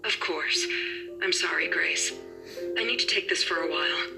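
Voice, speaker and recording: A soft-spoken loving mother. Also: lowish voice, moderate pace, creaky, low-quality recording. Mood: tender. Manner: soft, warm-hearted, motherly. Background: game music.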